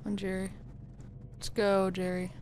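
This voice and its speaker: A woman's voice: medium pitch, completely flat delivery, measured pace, a little mellow, slight background noise. A woman giving let's play commentary, jumpy and swearing when startled. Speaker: gamer.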